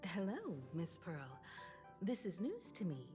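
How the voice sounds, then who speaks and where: A woman's voice: lowish voice, over music, exaggerated voice. An actress voicing a composed, gracious woman who leads a starship crew in a video game. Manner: calm, gracious, measured. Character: composed mature woman, ship navigator and leader.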